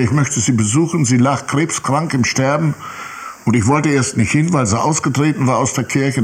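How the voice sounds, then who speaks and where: An older man, a pastor, preaching a sermon and telling personal stories, often adding "nicht?" and acting out the voices of people he quotes. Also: medium pitch. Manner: lively storytelling, acts out quoted voices, frequent tag "nicht?".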